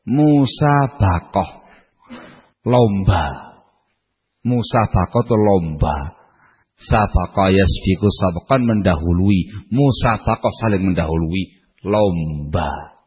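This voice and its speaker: A man preaching a sermon, swinging between loud high bursts and low quiet asides. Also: takes it slowly, long pauses, breathy edge. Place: lecture hall. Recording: echoey hall, muffled lo-fi recording.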